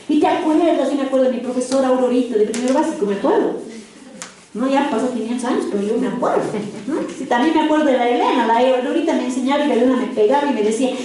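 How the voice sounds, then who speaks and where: A woman's voice: high-pitched, mellow. A woman preaching to a congregation in an interactive sermon, often stopping to check in with her listeners through short questions. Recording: very echoey hall, mic far off.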